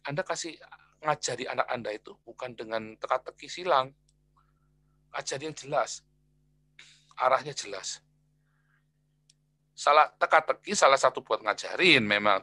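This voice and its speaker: A man preaching a sermon in a lively, colloquial way, switching between quiet asides and loud exclamations and repeating phrases for emphasis. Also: medium pitch, no room sound. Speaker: pastor.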